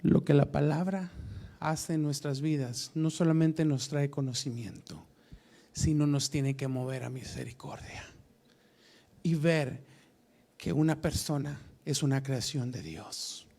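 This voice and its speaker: Slow, gravelly-voiced male pastor preaching. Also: a little high, mellow. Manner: slow, emphatic preaching with pauses. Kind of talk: Bible study sermon.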